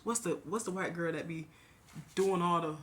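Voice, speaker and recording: A woman's voice: fairly low pitch, fairly quick, fairly bright tone. An American woman gossiping casually and bluntly with a roommate, quoting what other people said. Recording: noisy home recording.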